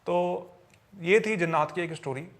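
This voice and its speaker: At a moderate pace, a male podcast storyteller with a very high-pitched voice spins eerie supernatural tales. He keeps the tone conversational, returning to earlier phrases to repeat and rework them for effect.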